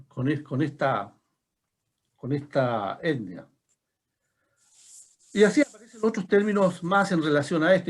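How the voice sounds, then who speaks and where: Older Chilean man lecturing haltingly. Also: on the high side. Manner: halting, with frequent restarts and asides. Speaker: retired teacher presenting a talk. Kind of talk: informal lecture.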